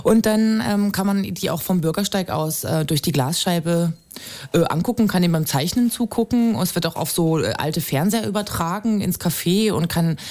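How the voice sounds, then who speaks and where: A woman's voice: lowish voice, normal speed, a little mellow. A woman radio reporter giving a chatty studio report, full of fillers and hesitations.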